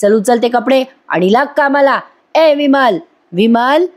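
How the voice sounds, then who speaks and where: A woman's voice: mid-range voice, measured pace, warm tone, lightly acted. A woman voicing a stern elderly matriarch in a serial recap, scolding and giving orders. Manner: scolding, commanding. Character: stern elderly grandmother, head of household.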